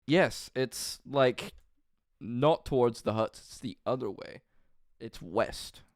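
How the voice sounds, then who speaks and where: A man's voice: medium pitch, slow, no room sound, clean studio sound. A young man from New Zealand, co-hosting a podcast in casual chat, rambling and mocking himself with frequent laughs. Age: young adult. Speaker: podcast co-host.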